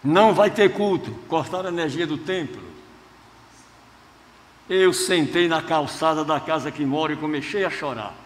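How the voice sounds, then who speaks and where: A male pastor preaching a sermon, telling stories from his own life and swinging between hushed tones and rousing shouts. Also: a little high, moderate pace. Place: large church hall. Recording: long hall reverb, faint noise.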